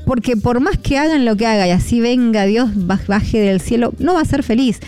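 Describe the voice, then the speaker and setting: Warm-voiced Argentine woman radio host. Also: a little high, normal speed, faint music behind. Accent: Argentine Spanish. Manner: rambling, hesitant, many fillers, encouraging. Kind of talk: devotional talk on air.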